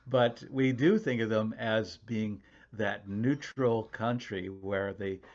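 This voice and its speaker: A man's voice: fairly low pitch, slow pace, darkish tone, muffled recording. A man interviewing a filmmaker, asking long, thoughtful, winding questions.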